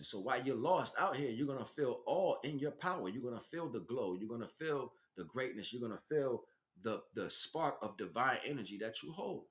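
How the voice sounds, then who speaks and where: With a fairly high, slightly bright voice, a man preaches an unscripted spiritual teaching as host of a livestream. He speaks emphatically and repeats phrases to stress them.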